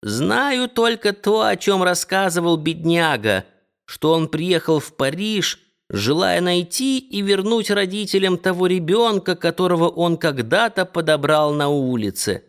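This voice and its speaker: A fussy, half-deaf old woman innkeeper from a storybook, played by a man reading aloud, her voice pitched up high and trembling. She draws her words out slowly, shaking her head as she repeats herself. The man's own voice shows through under the put-on frailty. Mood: wondering. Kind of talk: audiobook reading.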